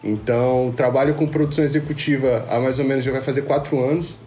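Podcast guest: twenties, from Rio, laid-back slangy storyteller, echoey room. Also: male voice, mid-range voice, fairly even intonation, fast talker, mellow, faint music behind. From Rio de Janeiro, Brazil. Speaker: podcast guest, music producer. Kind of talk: casual chat. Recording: roomy, faint background noise.

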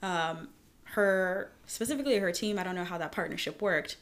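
Woman, lowish voice, animated and chatty, interview guest, fabric designer. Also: moderate pace. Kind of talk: casual interview conversation.

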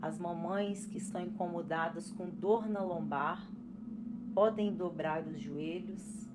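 A Brazilian woman calmly leading a guided breathing and relaxation exercise with unhurried pauses, as an instructor. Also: on the low side, heavy background noise. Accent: Brazilian Portuguese. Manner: slow, calm, instructing with pauses. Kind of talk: guided relaxation for expectant parents. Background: music.

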